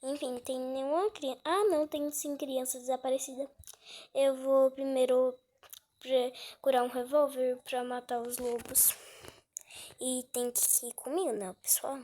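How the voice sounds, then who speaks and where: Her cold doesn't stop this gaming channel host from chatting away through casual commentary, though she's easily startled and often whispers. The voice is high, steady and mellow, and she speaks a little slowly.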